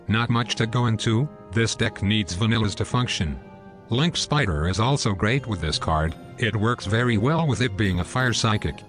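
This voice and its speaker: A male text-to-speech robot voice steadily reading out a scripted explanation of a card game deck. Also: on the low side.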